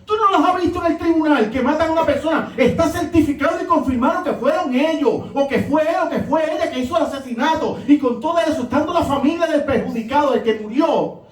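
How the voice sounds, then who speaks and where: A man preaching a sermon, with emphatic rises and hushed drops. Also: extremely high pitch, fast talker. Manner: emphatic preaching, rising and dropping. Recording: echoey room, voice from a distance.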